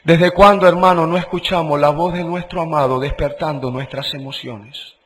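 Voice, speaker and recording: A man preaching a sermon, emphatic and deliberate, repeating phrases and swinging between loud exclamations and hushed low passages. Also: steady tone, low-quality recording.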